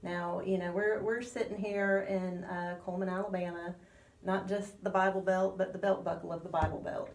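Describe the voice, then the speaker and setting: A woman's voice: on the low side, level tone, moderate pace, echoey room. A woman with a slight lisp, rambling casually as a radio guest with many fillers. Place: radio studio.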